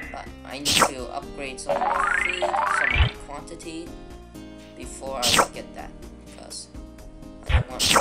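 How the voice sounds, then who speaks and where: Very low-voiced woman, slow gaming chatter. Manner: casual, unhurried chatter to viewers. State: voice a bit rough from just waking. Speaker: gaming channel host. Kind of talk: let's play commentary. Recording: loud game music underneath. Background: video game music.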